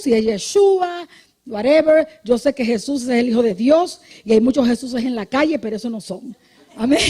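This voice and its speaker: A woman's voice: on the high side, mellow, breathy edge. A woman pastor preaching a midday church sermon in a conversational teaching way, often checking in with her listeners and saying amen, with some restarts and repeated words. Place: church service.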